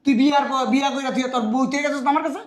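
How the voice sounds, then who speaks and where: A man's voice: very high voice, level tone, rapid-fire, echoey room. A man playing a scolding, abusive father-in-law. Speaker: father-in-law in a drama skit. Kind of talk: Bangladeshi short drama acting.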